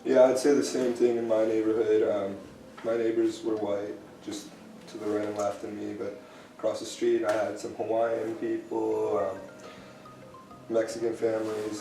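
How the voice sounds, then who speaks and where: A man's voice: on the low side, level tone, normal speed. A young man from San Diego, nineteen years old, answering questions in a friendly, chatty way. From San Diego, California, USA. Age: young adult. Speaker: interviewee. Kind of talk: casual interview. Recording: roomy sound from a distant mic with music.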